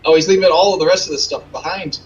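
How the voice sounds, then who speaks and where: A man's voice: on the high side, rapid-fire, lo-fi sound. A man co-hosting a casual movie commentary, giving dry play-by-play remarks with some stammering. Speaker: co-host.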